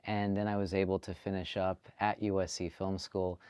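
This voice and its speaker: A man from Canada, a filmmaker telling his story in a relaxed, chatty interview. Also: low-pitched, moderate pace, smooth, no room sound, studio quality. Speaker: guest filmmaker. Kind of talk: casual interview.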